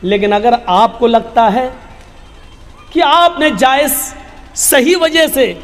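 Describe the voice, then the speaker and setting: A man's voice: very high voice, expressive, fairly bright tone, voice pushed down. A man voicing a humble, deferential male servant who pleads earnestly, retold in a sermon with long hall reverb. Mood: pleading.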